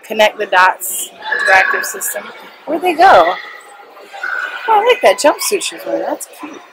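A woman's voice: mid-range voice, big pitch swings, moderate pace, background noise. A young woman filming a casual vlog with a handheld camera at arm's length in an indoor shopping mall playground, bubbly and gushing over cute things. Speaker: vlogger. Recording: loud mall ambience behind.

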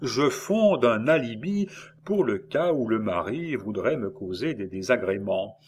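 A booming, theatrical salesman full of schemes, as a man reads him aloud. His voice leaps high and sinks again in lively swings, delivered unhurried and a little husky, like a storybook rogue. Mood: boisterous, wheedling. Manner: loud, theatrical and jovial. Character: boisterous scheming middle-aged male traveling salesman.

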